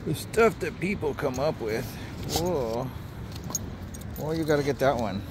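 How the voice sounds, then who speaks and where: At night on a beach, a dog trainer coaxes and plays with his dogs, caught on a handheld camera with background noise. His animated, mid-range voice moves at a measured pace through the casual, playful talk.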